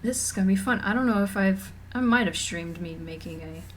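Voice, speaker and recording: A woman's voice: medium pitch, a little fast, slight background noise. A young woman streaming from home and chatting casually, rambling with lots of fillers and restarts while feeling a little nauseous. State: mildly nauseous. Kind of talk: casual livestream chat. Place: home room.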